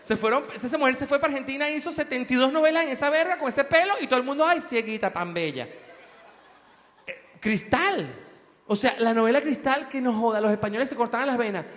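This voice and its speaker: A man with a Venezuelan accent doing a crude, mocking stand-up comedy routine, telling animated stories. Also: very high voice, quick pace, long reverb tail.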